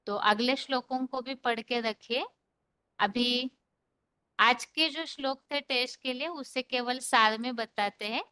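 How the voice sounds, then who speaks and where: A woman teaching an online scripture class, patiently explaining verses and reciting them slowly. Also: fairly high pitch, sharp tone, smooth, no room sound.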